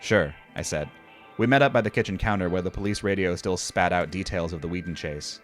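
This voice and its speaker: A man's voice: deep voice, fast talker, faint music behind. An older man gives scripted horror story narration in a wry, conversational and occasionally profane manner.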